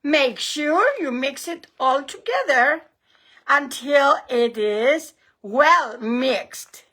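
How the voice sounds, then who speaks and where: A woman's voice: high voice, drawn-out words, sharp tone. A woman with a Greek accent leading a hands-on recipe demonstration as a cooking host, encouraging and emphatic, often repeating her phrases.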